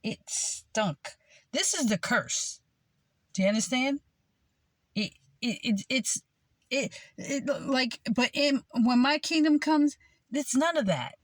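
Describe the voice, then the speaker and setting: Woman, rambling religious monologue, unhurried delivery, dead-dry sound. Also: high-pitched, lively intonation, no room sound. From United States. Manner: meandering, with frequent fillers and repetition. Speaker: self-styled preacher.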